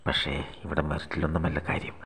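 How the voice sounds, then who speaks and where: Brief: narrator voicing a predatory male middleman in a storybook, low and quick. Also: little pitch movement, husky, big-room sound, exaggerated voice. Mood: coaxing. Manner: hushed, coaxing. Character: sly, predatory male job broker.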